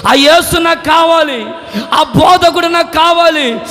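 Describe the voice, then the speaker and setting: A man's voice: very high-pitched, fairly even intonation, a little slow. A man voicing a grieving woman crying out. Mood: anguished. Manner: pleading, crying out in loud laments. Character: grieving woman disciple searching for her teacher. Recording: long church-hall reverb.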